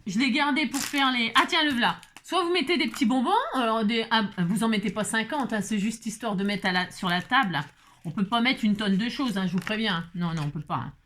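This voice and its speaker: A woman's voice: a little high, fairly quick, fairly bright tone. A woman hosting a craft tutorial, chatty and playful, talking to herself as she works and laughing often. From France. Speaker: craft video host. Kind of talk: casual craft tutorial talk.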